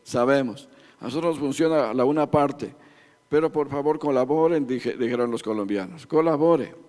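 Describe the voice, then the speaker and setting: A man's voice: mid-range voice, normal speed, a little mellow. Ecuadorian guy in his 60s preaching to church couples, jokey, medium voice, echoey church hall. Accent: Ecuadorian Spanish. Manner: folksy and joking, addresses listeners as beloved brothers. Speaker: church couples-ministry speaker. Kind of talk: preaching to a congregation. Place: church meeting room.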